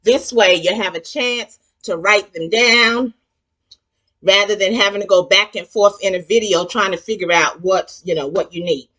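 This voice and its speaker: A woman's voice: medium pitch, moderate pace, bright, forceful tone. Chatty Southern woman in her sixties. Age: 60s. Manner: chatty and folksy, calls viewers honey and child. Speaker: cooking show host. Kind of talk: casual cooking demonstration. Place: home kitchen.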